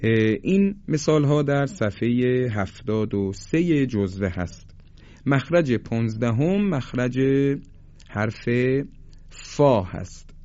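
A man teaching a recorded lesson on Quranic tajweed pronunciation. He speaks formally and politely and slows down to demonstrate letter sounds. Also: medium pitch, expressive, warm tone, no echo. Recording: dry, dull lo-fi sound.

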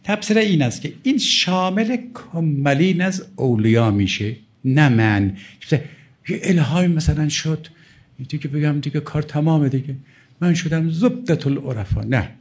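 During a religious sermon, a middle-aged male cleric with a slightly high voice and lively intonation quotes Arabic texts, explaining them with emphatic pleading.

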